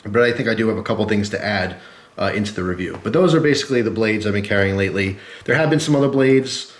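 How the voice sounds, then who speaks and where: Speaking quickly in a lowish, stuffed-up voice, a man sick with a cold and flu rambles casually to camera while hosting his gear review vlog. The sound bounces around an echoey room.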